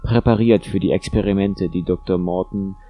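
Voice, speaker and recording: A man narrating a thriller audiobook in a steady, measured way. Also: low voice, dull audio, soft background music.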